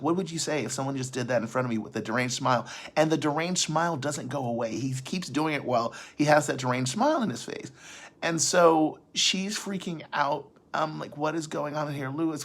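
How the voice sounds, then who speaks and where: A man's voice: on the high side, fairly quick, a bit bright. A man casually recapping a film's plot for his vlog audience, rambling, often restarting sentences and adding asides. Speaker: vlogger recapping a film.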